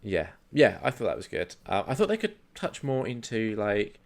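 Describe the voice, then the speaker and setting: A man with a fairly low voice, relaxed on a casual film podcast. He nods along with frequent yeahs. When it's his turn he lays out the story step by step. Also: normal speed, creaky. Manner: easygoing, lots of agreeing yeahs, explains plot step by step. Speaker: podcast co-host.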